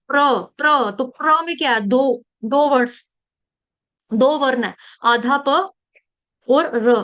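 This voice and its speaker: A woman's voice: high voice, fairly bright tone. A woman, teaching a class to recite verses, breaking words into syllables and quizzing her students. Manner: slow syllable-by-syllable drilling with quick asides to students.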